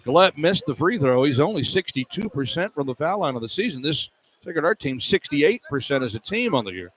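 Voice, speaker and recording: Over poor audio and faint arena noise, a man with a higher, sing-song voice calls live basketball play-by-play for radio at a brisk clip. He speaks in clipped, running phrases from inside an indoor arena.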